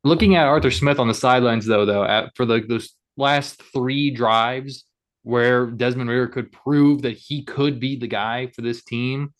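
A man's voice: mid-range voice, steady tone, measured pace. Laughing young man co-hosting a podcast. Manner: laughs often, playful bits. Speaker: podcast co-host. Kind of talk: casual sports chat.

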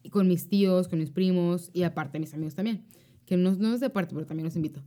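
A woman's voice: lowish voice, fast talker. A young Mexican woman co-hosting a podcast, telling stories in casual, slangy chat. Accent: Mexican Spanish. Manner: slangy, animated storytelling. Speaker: podcast co-host.

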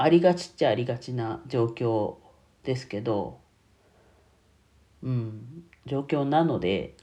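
Congested from a cold, this solo streamer who makes bookkeeping videos on YouTube talks casually with his audience. His stuffy, nasal voice is medium-pitched and dark in tone.

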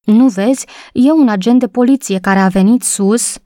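A woman reading a storybook voices a kind young woman who asks anxious, gentle questions. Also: a little high, dry recording, clean studio sound, pitched above the performer's own voice, close to an everyday voice. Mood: worried.

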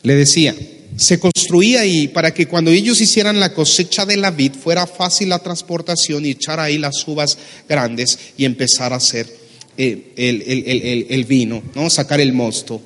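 Pastor preaching in a reverberant church. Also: male voice, a little high, moderate pace. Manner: animated, acts out Bible characters with humor. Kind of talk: sermon.

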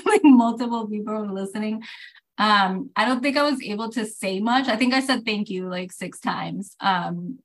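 Animated woman with a fairly high voice. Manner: animated, self-deprecating, laughs often. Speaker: award-winning author, panel guest. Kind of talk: casual panel storytelling.

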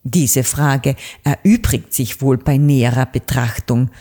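A woman's voice: deep voice, sing-song, measured pace, vocal fry, mellow, husky, heavily acted. A woman voicing a strict, imposing female raven councillor in a children's audiobook, speaking severely and thunderously.

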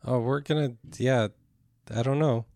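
A man's voice: mid-range voice, fairly even intonation, unhurried, darkish tone, no echo. Dry, matter-of-fact male co-host. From Texas-born, raised in Wisconsin. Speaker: podcast co-host. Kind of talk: casual chat.

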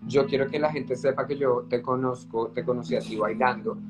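A man's voice: mid-range voice, steady tone, a little fast, background noise. A man hosting a live-stream conversation, effusive, repeating words for emphasis. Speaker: host, professional ballet dancer.

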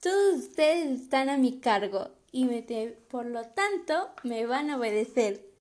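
A woman's voice: a little high, steady tone, measured pace, dark tone, lightly acted. A young woman voicing her stern, bossy middle-aged mother who scolds her children.

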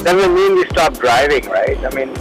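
A man's voice: medium pitch, animated, normal speed, faint music behind. A man, a guest in casual radio chat, giving opinions emphatically and repeating short phrases. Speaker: talk show guest, businessman.

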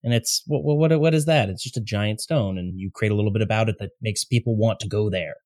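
A man hosting a podcast, chatting casually and eagerly in quick bursts. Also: fairly low pitch, darkish tone, no echo, clean studio sound. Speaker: podcast host.

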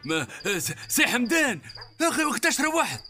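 An eager, fawning young servant in a radio play, with a high, bright, lively southern Tunisian voice. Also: male voice, a little fast, soft background music, heavily acted. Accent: southern Tunisian Arabic. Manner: drowsy at first, then fawning and eager. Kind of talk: radio drama acting.

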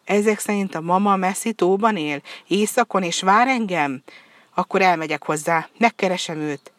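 A woman's voice: fairly low pitch, a bit bright, no echo, close to an everyday voice. A woman voicing an earnest, determined young boy in a storybook reading.

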